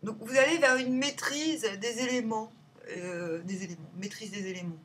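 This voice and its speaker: Woman, playful tarot-reading vlogger at home; rambles, swings loud to muttered; mic a bit distant, faint room hum. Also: on the high side, moderate pace. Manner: rambling and playful, jumping between loud remarks and muttered asides. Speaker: tarot reader. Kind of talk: casual tarot reading vlog.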